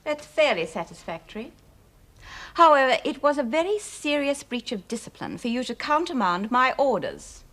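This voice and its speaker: Principled aussie prison boss lady, formal, lively up and down voice, tv drama. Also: sits high, heavily acted. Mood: stern. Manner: measured, formal, authoritative. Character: principled, firm woman prison official and parole officer. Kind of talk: television prison drama acting.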